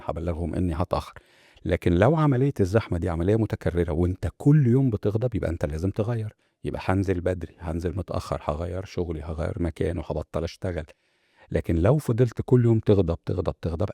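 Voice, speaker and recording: A man with an Egyptian accent hosts a casual self-help talk, rushing along at a very fast clip. His low, dark voice carries a gravelly fry. He restarts words often and speaks to his audience directly. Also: no room sound, clean studio sound. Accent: Egyptian Arabic. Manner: conversational, many fillers and restarts, addresses viewers directly. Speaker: host.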